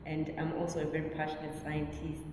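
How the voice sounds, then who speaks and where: Woman guest from Zimbabwe, low voice, long room reverb. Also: monotone, fairly quick. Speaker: guest, PhD candidate in agricultural science. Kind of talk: podcast interview. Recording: echoey room, mic at a distance, noisy.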